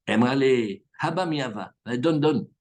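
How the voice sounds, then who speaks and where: Animated rabbi with a husky voice. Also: male voice, medium pitch, normal speed. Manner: animated, acts out the characters' lines. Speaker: rabbi teaching Talmud. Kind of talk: lively Talmud class to students. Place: live class with students in the room.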